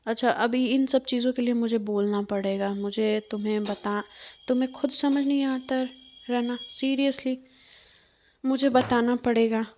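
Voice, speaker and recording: A woman voicing a possessive, fiery young woman boss who scolds rapidly and angrily, in a storybook reading. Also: on the high side, fairly even intonation, dull audio, a little hiss or hum, natural voice. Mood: angry.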